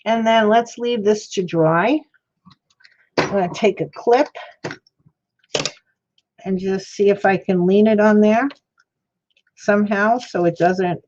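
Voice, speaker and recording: A woman's voice: mid-range voice, slow, pauses often, darkish tone. Toothless-sounding woman rambling over crafts, dull sound. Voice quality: toothless, slightly mushy articulation. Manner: rambling, thinking aloud. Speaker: craft livestream host. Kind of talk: casual chat while demonstrating crafts. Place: indoor craft worktable.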